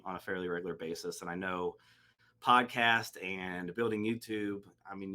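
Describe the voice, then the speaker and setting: Low, bright and forceful, this man's voice leads a podcast. As host, he keeps the interview chat casual, wandering off track and filling it with restarts and filler words.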